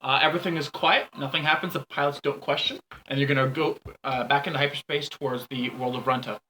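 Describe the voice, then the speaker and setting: Bright-voiced man running a tabletop game. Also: medium pitch, steady tone, a little hiss or hum, rough recording. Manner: reads lore in a measured voice, laughs between rulings. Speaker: game master.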